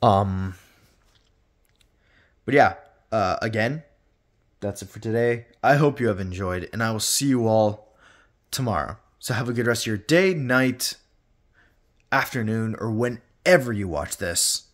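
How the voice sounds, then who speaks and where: A man's voice: lowish voice, expressive, measured pace, pauses often. A man chatting casually through a toy review with playful swearing, his voice carrying a noticeable room reverb.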